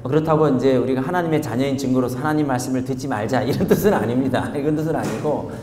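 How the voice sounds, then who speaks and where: A male pastor preaching a revival sermon, animated and constantly asking the congregation questions. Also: mid-range voice, quick pace, slight background noise. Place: church revival tent meeting. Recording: echoey hall with faint ambience.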